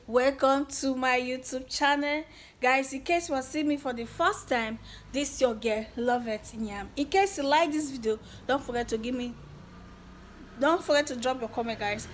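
A young woman with a Nigerian accent thanking her subscribers in a casual vlog, excited and emotional, slipping between Pidgin and English. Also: sits high, slight background noise. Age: young adult. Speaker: YouTuber.

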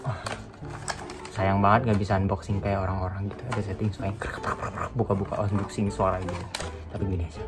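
A man's voice: low voice, level tone, quick pace, over loud music. A young man casually chatting to viewers while unboxing a phone holder in a small room beside a motorbike. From Indonesia. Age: young adult. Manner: chatty, addresses viewers as guys. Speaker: motovlogger reviewing a phone holder. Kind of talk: casual Jakarta-slang unboxing chat.

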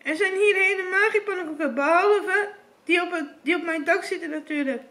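A woman's voice: a little fast, pushed and bright. A woman voicing a cruel, crooked old witch who cackles and snaps. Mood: gloating. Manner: shrill, cackling, snapping.

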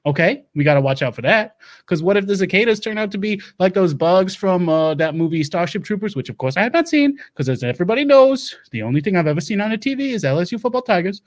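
This improv comedy bit features a man as a manic, self-assured doomsday-prepper from Louisiana running a livestream show. He talks rapidly with big pitch swings, stumbling, rambling, firing off loud, high bursts and drawling asides.

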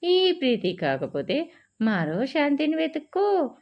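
A woman's voice: high voice, wildly swooping pitch, slow pace, voice pushed up, exaggerated voice. A woman voicing a protective middle-aged mother who gives soothing advice, on a dull lo-fi recording. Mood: advising. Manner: advising, soothing.

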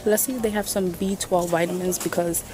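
A crowd can be heard behind this young woman, whose voice is on the low side, fairly even and a little fast. Vlogging casually with blunt slang and some swearing, she holds her phone at arm's length on a city street and later inside a discount store.

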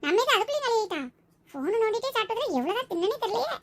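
Woman doing a bratty teen brother, yelling and teasing, very high, Tirunelveli accent. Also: very animated, rapid-fire, full character voice. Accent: Tirunelveli Tamil. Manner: loud, teasing, shouting. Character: cheeky teasing teenage boy pestering his sister.

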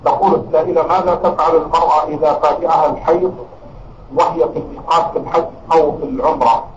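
A man's voice: on the high side, steady tone, very fast, background noise. A man reading written questions aloud to a scholar in a large mosque hall, on a distant, lo-fi recording. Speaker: question reader.

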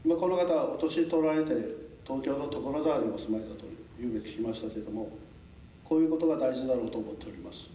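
Older man, formal public talk, mellow voice, roomy hall sound, heard from a distance. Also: medium pitch, fast talker, a little hiss or hum. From Tokunoshima, Amami Islands, Japan. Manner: polite formal speech with frequent chuckles and asides. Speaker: lecturer. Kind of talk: public talk to a local audience. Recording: echoey hall, mic at a distance.

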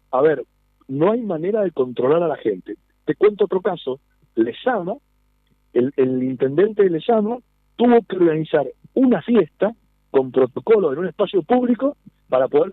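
Slightly high-voiced with no room sound, a man in his thirties with an Argentine Spanish accent represents a nightlife business in a phone interview. Over a tinny line, he earnestly explains a policy and asks for agreement.

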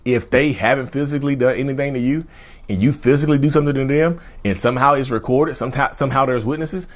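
A man's voice: mid-range voice, fast. A man in his thirties hosting a mental health channel, talking straight to camera in an emphatic, repetitive way and calling viewers y'all. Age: 30s. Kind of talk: direct-to-camera advice talk. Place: indoor studio with backdrop.

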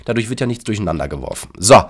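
A man's voice: on the low side, expressive, racing, husky. A man casually commenting on his Minecraft build and explaining it to his viewers. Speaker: YouTuber demonstrating a Minecraft build.

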